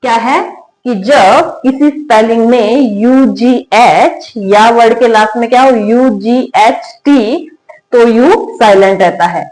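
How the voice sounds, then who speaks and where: A woman teacher walks through a spoken English lesson. Her voice sits a little high. She asks a question, answers it herself, and repeats each word patiently. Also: takes it slowly, darkish tone, poor audio. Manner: repetitive call-and-response drilling, asking and answering her own questions.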